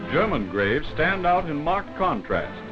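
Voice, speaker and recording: Over loud background music on a dull 1940s film soundtrack, a man narrates a scripted wartime newsreel. His delivery is formal and dramatic, with a fairly high, sing-song voice at an unhurried pace.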